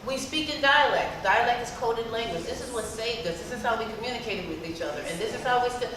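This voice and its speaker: An older woman speaking at a premiere panel, animated and laughing often. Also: fairly high pitch, fast talker. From Virginia and North Carolina roots, US. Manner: animated, laughing, quoting voices. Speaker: author and director at a premiere panel. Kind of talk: casual panel talk. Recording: roomy far-off hall mic with crowd murmur.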